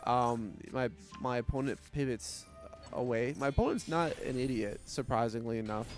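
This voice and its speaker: A man's voice: medium pitch, normal speed, faint music behind. A man giving casual gameplay commentary, swearing often, mocking his opponents and laughing between plays. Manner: profane, trash-talking, laughs often. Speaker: gaming commentator.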